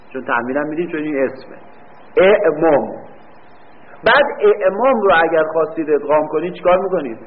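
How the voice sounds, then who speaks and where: A man teaching a grammar lesson, explaining step by step, asking the class questions and drawing out example words slowly. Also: a little high. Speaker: teacher of Arabic morphology. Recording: tinny phone-like recording.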